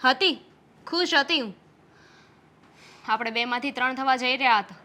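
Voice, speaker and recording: A woman's voice: high-pitched, normal speed, pushed and bright. A young woman playing a frustrated pregnant wife who scolds her husband in a family drama. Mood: anxious. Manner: scolding, reproachful.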